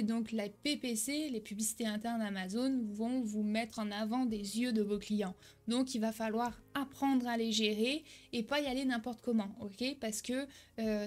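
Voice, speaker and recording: A young online selling coach with a fairly high voice teaches straight to camera with lively energy, frequently tossing in a quick "ok?". She hesitates and corrects herself now and then but keeps her momentum, while soft music plays faintly underneath.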